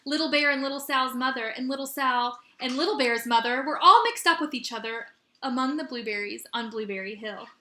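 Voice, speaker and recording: A woman teacher reading a children's story aloud in an expressive, animated way with dramatic emphasis. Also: sits high, brisk. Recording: roomy echo.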